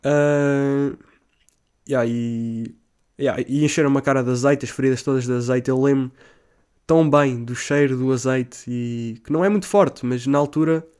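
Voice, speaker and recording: A young man with a European Portuguese accent tells a story in casual, profane, rambling talk, with English slang mixed in and high shouts as he acts out his own cries. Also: steady tone, normal speed, smooth.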